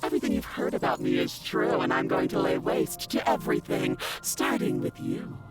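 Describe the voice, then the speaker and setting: Woman playing monstrous princess, game villain, menacing, dark threatening delivery, faint music behind. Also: moderate pace, lightly acted. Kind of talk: video game voice acting.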